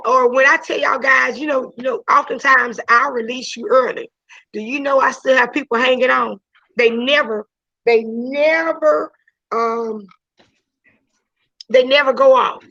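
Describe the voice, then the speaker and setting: On dull, lo-fi video call audio, a woman teacher at home talks casually with her online class, with lots of restarts and "you know"s. Her voice is loud and high-pitched, and there's no room sound.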